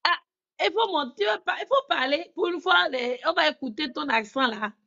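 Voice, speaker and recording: A woman speaking at a church women's gathering, giving an animated testimony that acts out quoted dialogue and puts questions straight to the audience. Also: sits high, moderate pace, dull audio.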